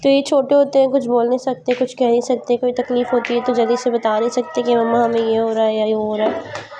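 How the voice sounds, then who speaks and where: A young woman, a mother, chatting gently with viewers in a casual home vlog while she sounds unwell. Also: on the high side, little pitch movement, quick pace, dull audio, noisy background. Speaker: vlogger and mother.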